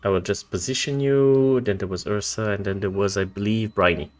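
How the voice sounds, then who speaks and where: A man acting as game master, improvising narration for a tabletop game in informal, halting phrases. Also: lowish voice.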